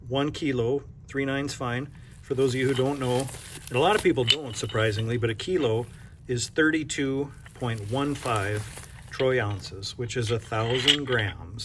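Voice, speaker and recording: A man's voice: medium pitch, very noisy. A man from North Dakota who runs a coin shop, chatting casually and thinking aloud as he unboxes silver bars, with self-deprecating asides.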